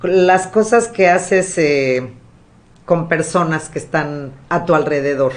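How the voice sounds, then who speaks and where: A woman hosting a podcast in a casual, chatty storytelling manner, often pausing with fillers. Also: sits low. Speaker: podcast host. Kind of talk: casual chat.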